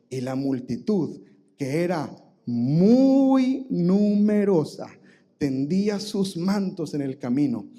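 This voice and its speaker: Animated Mexican pastor, mellow voice. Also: male voice, on the high side. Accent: Mexican Spanish. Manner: animated, leads the congregation to read aloud and shout. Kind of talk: live sermon. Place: church sanctuary.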